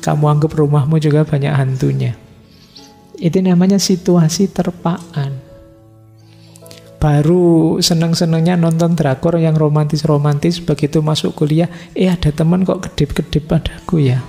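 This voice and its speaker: Gravelly-voiced male lecturer in a hall. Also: a little high, moderate pace. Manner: relaxed, conversational teaching with everyday examples. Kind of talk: philosophy lecture. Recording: lecture hall reverb with faint music.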